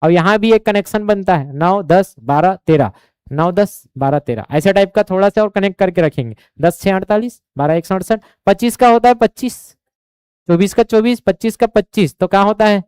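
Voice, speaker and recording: Male coaching tutor with a Chhattisgarhi accent, drills figures by repetition, clear resonant voice, dry close sound. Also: high-pitched, moderate pace, a little mellow, no room sound. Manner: drills numbers by repetition, keeps asking if students follow. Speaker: teacher. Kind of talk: exam coaching lesson.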